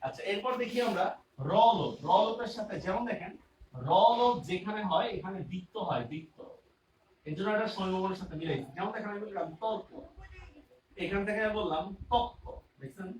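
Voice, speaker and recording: A man teaches a grammar class in a fairly high voice, repeating each term and checking often that the students follow. He sits some way from the mic in a roomy space. Faint ambient noise runs underneath. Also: brisk, recorded from a distance.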